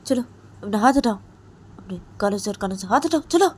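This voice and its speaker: A woman voicing a domineering, quick-tempered young woman who scolds with repeated sharp questions. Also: mid-range voice, animated, husky, pitched above the performer's own voice. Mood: scolding.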